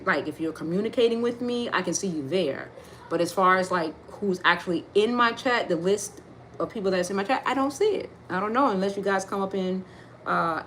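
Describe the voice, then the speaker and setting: A woman's voice: mid-range voice, sharp tone, slight background noise. A woman hosting a spiritual live stream, talking casually and rambling with lots of fillers. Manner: rambling, filler-heavy, loose and informal. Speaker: spiritual livestream host.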